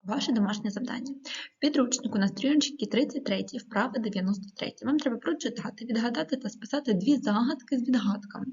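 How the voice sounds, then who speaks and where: Husky lady teacher reading out words slow for the kids, kinda muffled lo-fi sound. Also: fairly high pitch, a little mellow. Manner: slow, clear dictation of words with hesitant fillers. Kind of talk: video lesson for schoolchildren. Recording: dull lo-fi recording.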